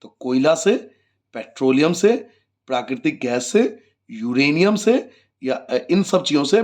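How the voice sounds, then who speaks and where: A male teacher with a slightly raised pitch explains a school geography lesson to his students. He asks his own questions, answers them, and goes back over the key points. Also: darkish tone. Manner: addresses students as children.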